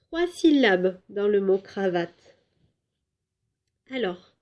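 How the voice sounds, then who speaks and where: A woman teaching a home lesson to young children, slowly clapping out syllables and drawing out words for them. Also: fairly high pitch, warm tone, muffled recording. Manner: slow, clear syllable-by-syllable teaching; drawn-out, emphatic words for children. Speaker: kindergarten teacher.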